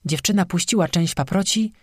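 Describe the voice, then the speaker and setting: An audiobook narrator reads a dark tale at a steady, measured pace. The voice sits at a middle pitch and is recorded close and dry, with no room around it. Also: husky, no room sound.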